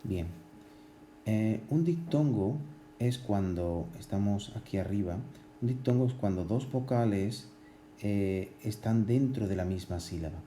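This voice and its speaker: Man, teacher at a board, slow halting explanation, very dark tone, roomy echo. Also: fairly low pitch, lively intonation, a little hiss or hum. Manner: slow, halting explanation with many fillers and restarts. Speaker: Spanish language teacher.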